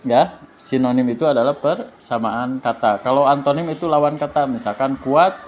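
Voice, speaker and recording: A man's voice: medium pitch, normal speed, a little hiss or hum. Chatty male teacher. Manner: chatty, explains with many fillers and restarts. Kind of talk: casual exam review lesson.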